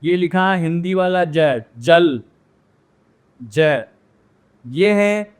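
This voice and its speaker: A man teaching a Hindi grammar lesson, drilling pronunciation by repeating words slowly and checking in with viewers. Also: a little high, animated, clear, resonant tone. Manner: addresses viewers directly with frequent "है ना?". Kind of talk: classroom-style grammar lesson.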